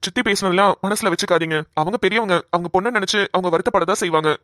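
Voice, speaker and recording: A woman voicing a calm young man in a cartoon who gives soothing advice to a friend. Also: medium pitch, very fast, no echo, clean studio sound, natural voice. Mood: reassuring. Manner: soothing, advising. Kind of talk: cartoon voice acting.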